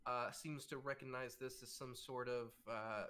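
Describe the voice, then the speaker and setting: A man running a casual tabletop game as game master, speaking haltingly as he searches for words. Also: medium pitch, steady tone, bright, forceful tone, clear, resonant tone.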